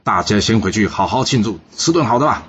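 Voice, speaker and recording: A calm, generous male ancient king, as a storyteller puts him on, unhurried and reassuring in how he speaks. The voice runs fairly low, on a slightly dull recording with faint hiss. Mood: easygoing.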